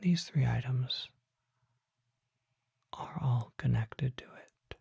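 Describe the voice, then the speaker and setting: In a heavily acted roleplay, an ASMR performer becomes a learned vampire apothecary, whispering huskily and breathily with crackling fry in a medium-pitched, slightly mellow voice. The slow, formal speech unfolds with measured pauses in a hushed, mysterious mood, captured very close and dry on a close microphone.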